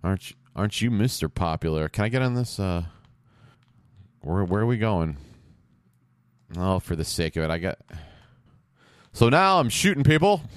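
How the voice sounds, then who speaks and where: A man casually narrating his video game play to himself, rambling, swearing and getting loud during fights. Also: deep voice, no room sound, studio quality. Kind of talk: casual let's-play commentary. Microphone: headphones on, close podcast mic.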